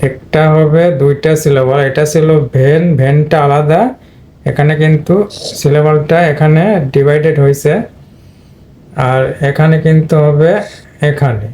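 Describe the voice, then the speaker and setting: A Bangladeshi teacher with a warm, higher-than-average voice talks a little slowly and without much inflection. His Bengali-language lesson covers English spelling and pronunciation, explained stepwise and addressed right to his students.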